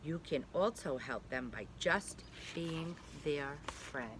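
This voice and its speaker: A woman pre-K teacher reads a picture book aloud to young children in a low, animated voice at a slow pace. She speaks simply and directly to them, adding little check-in questions. Heavy background noise fills the clip.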